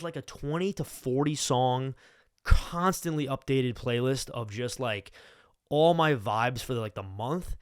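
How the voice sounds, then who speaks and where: A young man hosts a casual podcast, rambling about music like a hyped-up fan, full of slang and swearing. His voice is mid-range, caught on a close podcast mic with a dry, clean studio sound.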